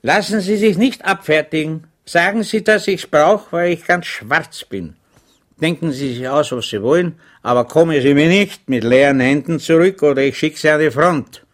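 A man's voice: fairly high pitch, brisk, few pauses, lightly acted. A man doing a gloomy, hungover army chaplain. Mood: urging. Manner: sighing, complaining. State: croaky.

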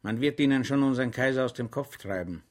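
A man's voice: medium pitch, fast, darkish tone, close to an everyday voice. A man voicing a smug, falsely friendly plainclothes policeman in an audiobook. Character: smug male plainclothes policeman, sly and triumphant.

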